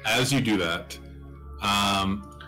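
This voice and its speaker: A man's voice: lowish voice, extremely slow, pushed and bright, soft background music. A man in his thirties running a tabletop role-playing game, narrating and explaining rules casually. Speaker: game master. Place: indoor room at home, on a video call.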